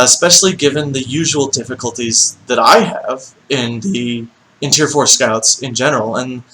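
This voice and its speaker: A man's voice: mid-range voice, fairly bright tone, poor audio. A young man giving chatty gameplay commentary, with frequent ums and dry sarcasm. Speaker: gaming YouTuber.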